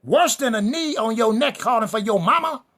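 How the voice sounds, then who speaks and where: A man's voice: very high voice, expressive, moderate pace, bright, forceful tone. A man preaching a fiery sermon-style lecture. He is emphatic and repetitive, speaks straight to his listeners, and builds lists and refrains for rhythm. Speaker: preacher and teacher.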